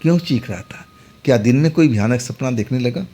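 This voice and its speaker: A man's voice: mid-range voice, animated, fairly quick, warm tone, natural voice. A man voicing a worried village mother who pleads with her feverish son. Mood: anxious. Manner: anxious, pleading.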